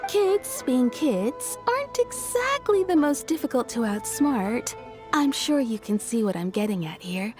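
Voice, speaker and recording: A woman's voice: sits high, sing-song, unhurried, a little mellow, soft background music. A woman voicing a wry, level-headed townswoman in a video game, telling a story with dry amusement. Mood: amused.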